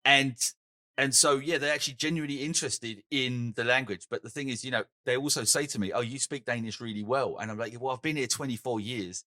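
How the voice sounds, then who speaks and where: A middle-aged man from England chats casually as a podcast co-host. His voice is bright and forward, and he talks in an animated way. The sound is dry and close. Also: medium pitch, fairly quick, dry recording. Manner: animated, swears and laughs easily. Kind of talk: casual chat.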